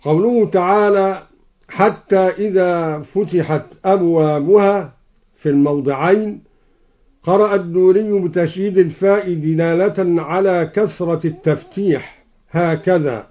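A man with an Egyptian accent teaching Quran recitation, explaining each reading and then chanting it slowly. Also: high-pitched. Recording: dull old radio broadcast.

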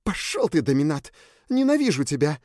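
A man voicing a furious young female spirit who yells and insults from inside the hero's head. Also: very animated, normal speed, no room sound, clean studio sound. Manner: shrill, yelling, insulting.

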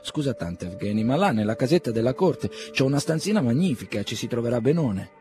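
A man's voice: mid-range voice, big pitch swings, fast, over music, lightly acted. A man voicing an elderly country doctor and father who is humble, fussy and eager to please. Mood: fussing. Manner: apologetic, eager to please, ceremonious.

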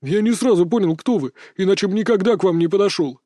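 Male reader as scared young cop begging for his life, tearful, a bit higher. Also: fast, warm tone, no room sound, studio quality. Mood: pleading. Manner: pleading, tearful. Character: frightened young male police sergeant, pleading.

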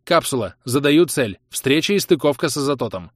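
A man's voice: medium pitch, animated, brisk, dry recording, clean studio sound, voice pushed up, natural voice. A man voicing a strained woman doctor who speaks curtly under pressure. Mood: commanding. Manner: curt, strained. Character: tense young woman doctor on the edge.

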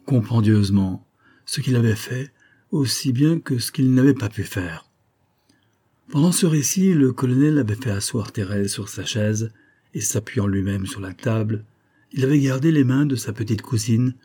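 A man narrating a classic novel as an audiobook in a measured storytelling manner. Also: on the low side, warm tone, breathy edge. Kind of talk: audiobook reading.

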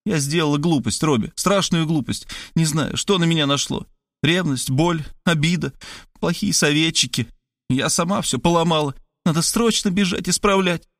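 A man's voice: fairly high pitch, moderate pace, fairly bright tone, dry recording, studio quality, voice pushed up. Man voicing a plaintive, sighing sister. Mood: remorseful. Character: emotional young woman, the narrator's sister. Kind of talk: audiobook reading.

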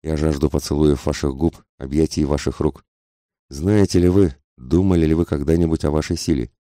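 Man voicing a desperate, passionate society woman in an audiobook, intense pleading, very deep dark voice. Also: fairly even intonation, a little fast, no echo, studio quality. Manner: intense, whispering-angry pleading.

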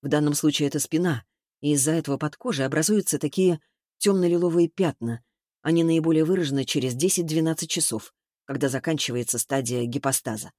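A man reading an audiobook, voicing a blunt expert man who explains things in a lowered, matter-of-fact way. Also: fairly quick, darkish tone, no echo, studio quality, lightly acted. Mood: explaining. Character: middle-aged man, dry, blunt medical expert. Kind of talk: audiobook character voice.

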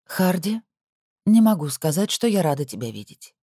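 A man voicing a cold, composed wealthy woman who speaks quietly but firmly and with disdain. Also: on the low side, very animated, moderate pace, husky, no echo, clean studio sound, pitched above the performer's own voice.

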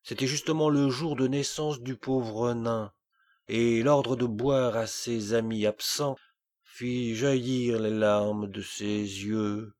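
A man reading a classic tale aloud as audiobook narration, measured and deliberate. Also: medium pitch, steady tone, a little mellow. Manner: slow, measured storytelling. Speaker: audiobook reader.

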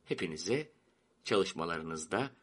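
Man, narrator, audiobook reading, husky voice, lively pitch. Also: slow pace. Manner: lively, expressive storytelling. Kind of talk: audiobook reading of a satirical story.

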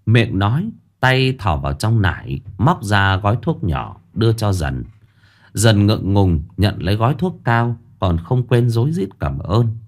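Lively low-voiced male ghost-story narrator. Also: measured pace. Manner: expressive storytelling.

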